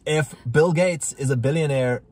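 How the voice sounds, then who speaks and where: Husky-voiced man, emphatic and preachy. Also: a little high, moderate pace. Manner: emphatic, preachy, gets heated. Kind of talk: casual conversation.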